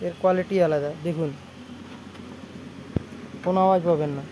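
Holding his phone in a cluttered repair shop, a young man with a West Bengal Bengali accent shows things off in a casual vlog, speaking informally and repeating himself. His voice is on the high side, with a steady tone and fairly quick pace. The audio is noisy.

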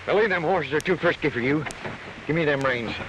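An actor playing an easygoing, folksy cowboy scout in a 1940s western film. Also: male voice, a little high, fairly quick, lo-fi sound, natural voice. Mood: insistent. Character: easygoing cowboy scout humoring his old relative. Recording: faintly noisy 1940s film soundtrack.

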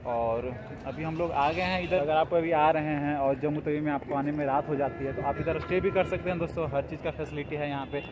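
A man's voice: on the high side, steady tone, brisk. A young man vlogging a train journey and a railway station into his phone, chatty and calling his viewers friends again and again. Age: young adult. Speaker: travel vlogger. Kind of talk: casual travel vlog to camera. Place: inside a train, then outdoors at a busy railway station. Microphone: phone camera held at arm's length. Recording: loud background noise from a moving train and station. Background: loud train and station noise.

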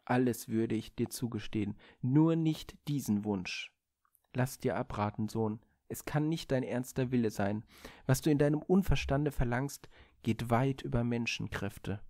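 A man voicing the sun god Helios, a mighty fatherly deity who speaks slowly and solemnly in a storybook reading. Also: mid-range voice, a little mellow, no room sound, clean studio sound, close to an everyday voice. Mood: regretful.

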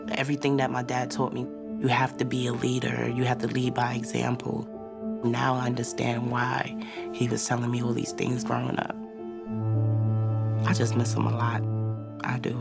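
Young woman with a gravelly voice. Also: very deep voice. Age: 20s. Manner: conversational, frequent "like" fillers, emotional recollection. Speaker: interviewee. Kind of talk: personal testimony interview. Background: soft music bed.

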